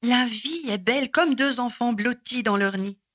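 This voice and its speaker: A woman storyteller telling a folk tale expressively, with dramatic pauses and repeated refrains. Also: fairly high pitch, a bit bright, no room sound, studio quality.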